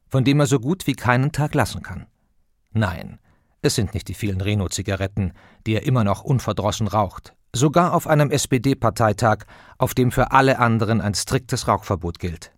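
A man reading an audiobook introduction in a measured, even studio narration. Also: on the low side, dry recording.

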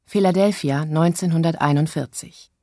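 A woman reading a novel aloud as narrator, calm and measured, on a close studio mic. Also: low-pitched, no room sound. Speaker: audiobook narrator. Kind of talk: scripted narration.

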